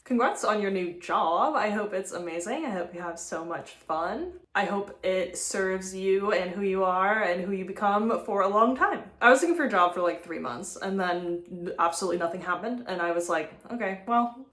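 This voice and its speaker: A woman host talks in a casual, conversational vlog style. Her medium-pitched voice carries the noticeable echo of the room around her. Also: fairly bright tone. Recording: echoey room sound.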